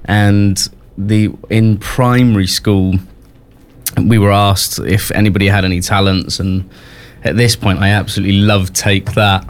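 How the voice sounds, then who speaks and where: A man's voice: fairly low pitch, flat delivery, unhurried. A young Welsh man from West Wales, a musician guest on a radio show, talking casually with many restarts and fillers.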